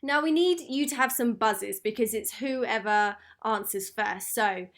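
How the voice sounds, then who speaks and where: A woman with a fairly high voice chats casually as a podcast host. She speaks informally and conversationally, and the recording is dry and close with little room sound. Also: measured pace, dry recording. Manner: chatty, informal. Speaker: podcast co-host and quiz master. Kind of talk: casual chatty podcast talk.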